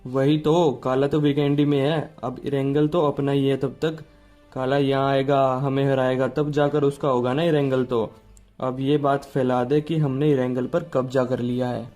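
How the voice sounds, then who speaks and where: A scheming gang boss voiced by a man talks in a flat, monotone voice and boasts. Faint music plays underneath. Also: mid-range voice, moderate pace, close to an everyday voice.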